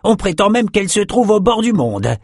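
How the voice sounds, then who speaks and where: A jovial lone fisherman who is at ease at sea and quick with a joke, as a male narrator puts him on. He speaks a little higher than the storyteller's own voice, in a dry audiobook recording. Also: big pitch swings, slightly rough, no room sound, exaggerated voice. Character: cheerful lone male fisherman, bare-chested.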